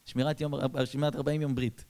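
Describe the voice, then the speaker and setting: A man, a rabbi, telling a story in a sermon, talking straight to his listeners in casual speech, with loud bursts and soft low asides. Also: flat delivery, clean tone. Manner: addresses listeners directly, colloquial.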